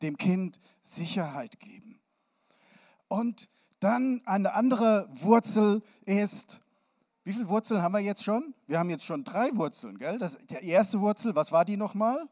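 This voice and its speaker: An adult speaker leads a children's sermon, talking straight to the kids and checking in with little questions. The delivery is slow and unhurried, at times sinking to a whisper. The recording is dry, with no room sound. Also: mid-range voice, darkish tone, dry recording. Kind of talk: children's sermon with hands-on demonstration.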